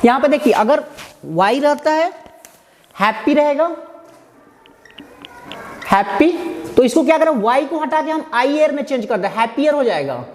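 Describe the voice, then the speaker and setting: A man teaching grammar, who asks his students rhetorical questions and answers them himself, and repeats and spells out words slowly. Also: extremely high pitch, expressive. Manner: slow, repetitive explaining with spelled-out words. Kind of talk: explaining lesson to students. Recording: echoey room with faint background noise.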